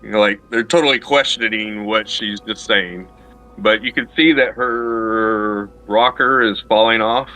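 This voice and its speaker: A man narrating a tabletop game as game master, improvising in a halting way as he searches for words. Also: on the low side, fairly even intonation, bright, forceful tone, soft background music, low-quality recording.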